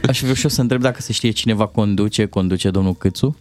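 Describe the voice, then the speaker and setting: A man's voice: on the low side, a little mellow, no room sound. A man co-hosting a morning radio show, playful and teasing. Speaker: radio co-host. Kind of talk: joking studio banter.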